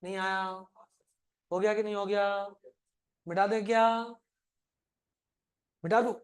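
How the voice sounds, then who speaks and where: A high-pitched male teacher runs a live chemistry lesson in a loose, chatty way. He teases and mock-scolds his students while walking them through each step, and calls them "beta" as he goes. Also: fairly even intonation, slow pace, smooth.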